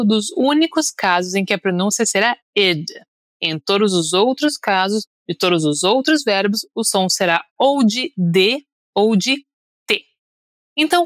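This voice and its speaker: A woman's voice: medium pitch, expressive, normal speed, fairly bright tone, no echo, studio quality. A young woman from Brazil with a Brazilian Portuguese accent, an upbeat pronunciation teacher on a podcast, leading listeners through drills. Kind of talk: podcast lesson.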